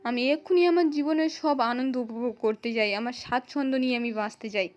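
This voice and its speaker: A woman's voice: on the high side, fast talker, muffled recording, natural voice. A woman reading a defiant young wife. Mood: indignant. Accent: West Bengal. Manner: indignant, accusing.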